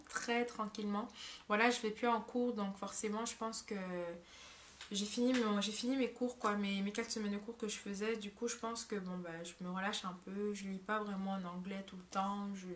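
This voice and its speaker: A woman's voice: mid-range voice, a bit bright. Young woman vlogger, casual rambling delivery full of fillers, mid-range voice, faint background noise. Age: young adult. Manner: rambling, many hesitations and self-corrections. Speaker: au pair vlogger. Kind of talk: casual vlog monologue.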